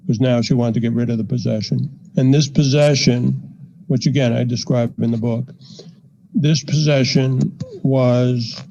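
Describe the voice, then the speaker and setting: An older man, a psychiatrist guest on a podcast, telling a story in a measured way with frequent fillers. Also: mid-range voice, creaky, dark tone. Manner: measured, anecdotal, frequent "you know" fillers. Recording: dull lo-fi podcast audio.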